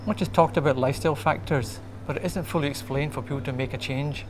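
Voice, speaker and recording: A man's voice: on the high side, fast talker. A man in his forties from Glasgow, giving a testimonial of his views. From Glasgow, Scotland. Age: 40s. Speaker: community member giving views. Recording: clear background noise.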